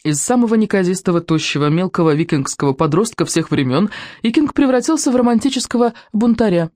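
A woman narrating a children's fantasy audiobook in an expressive storytelling manner. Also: mid-range voice, quick pace, no room sound, studio quality.

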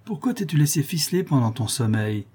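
A man's voice: fairly high pitch, sing-song, brisk, mellow, husky, voice pushed up. A man voicing a cruel, mocking old woman villain in an audiobook reading, taunting in thieves' slang. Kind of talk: audiobook character voice.

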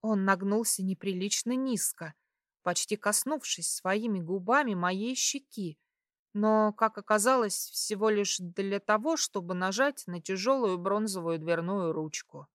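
A woman reading a first-person audiobook in an expressive, measured storytelling manner. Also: medium pitch, no room sound, studio quality. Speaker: audiobook narrator. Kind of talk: first-person scripted narration.

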